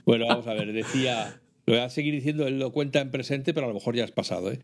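A man's voice: medium pitch, fast talker. A man co-hosting a casual podcast, reading out a listener's email with joking, self-mocking asides. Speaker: podcast co-host.

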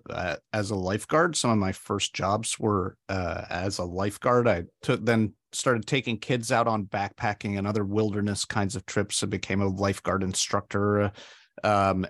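A man's voice: lowish voice, fairly bright tone, dry recording. A guest in his forties speaking in a casual interview, hesitant and full of fillers. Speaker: podcast guest.

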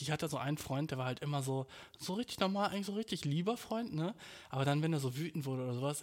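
A young man hosting his own podcast, venting in a rambling, slangy, swear-heavy way about his audio troubles. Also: medium pitch. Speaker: podcast host. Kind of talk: casual solo podcast rant. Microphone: home podcast mic.

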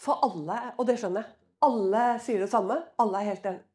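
A woman preaching a sermon, telling stories in a lively, casual way with everyday fillers. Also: mid-range voice.

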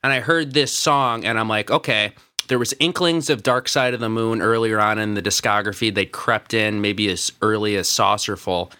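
Guy on a music podcast, bright voice, rambly and loose. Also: lowish voice, normal speed, clean tone. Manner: rambling, filler-heavy music talk. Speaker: podcast co-host. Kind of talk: casual chat.

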